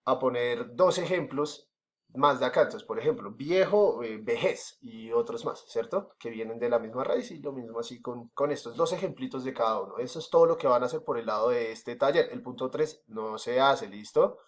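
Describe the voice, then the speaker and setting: A man's voice: mid-range voice, moderate pace. A man with a Colombian accent teaching a recorded school lesson, explaining step by step with many fillers and frequent checks that the class is following. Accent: Colombian Spanish.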